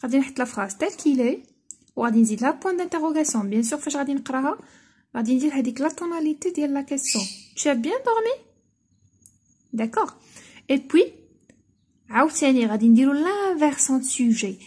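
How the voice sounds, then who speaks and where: A woman with a Moroccan accent teaching grammar to young pupils, explaining exercises slowly and deliberately and switching between French and Arabic. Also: sits high, expressive, a little mellow. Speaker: primary school teacher.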